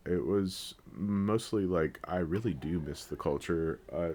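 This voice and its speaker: A man's voice: sits low, measured pace, a little mellow. A man co-hosting a casual chat podcast, rambling with fillers and joking as he talks. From Japan. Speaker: podcast co-host.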